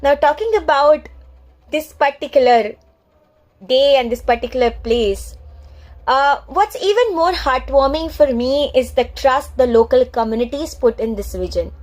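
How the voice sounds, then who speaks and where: A woman's voice: high-pitched, low-quality recording. A young woman with an Indian accent tells a space story in a vlog, earnest and heartfelt. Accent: Indian English.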